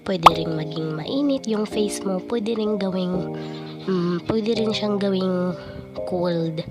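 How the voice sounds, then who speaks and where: A woman with a cold and a cough, speaking through a voice changer that pitches her voice down. She chats casually to viewers while narrating a morning routine. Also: takes it slowly. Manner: chatty, addresses viewers as guys. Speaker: vlogger. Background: loud background music.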